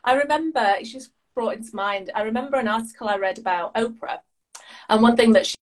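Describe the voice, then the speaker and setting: Talking fast in a fairly high pitch, a UK coach chats casually as a podcast guest on a video call. Her English accent comes through, and she's enthusiastic, frequently starting her words over.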